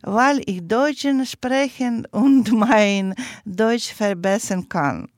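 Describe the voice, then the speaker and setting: A woman talks very slowly and carefully, often pausing as she hunts for the next word. She is from Ukraine, German is not her first language, and as a guest and project participant she gives an interview in halting learner's German. Her mid-pitched voice is recorded close and dry, with no room sound.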